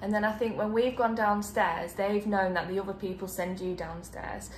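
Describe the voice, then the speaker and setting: A British woman talks through the trip conversationally for a travel vlog, at a middle pitch. Her voice rings with a roomy echo over a faint hum of background noise. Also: fairly even intonation, moderate pace. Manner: conversational, recounting events. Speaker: travel vlogger. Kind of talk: casual travel vlog chat.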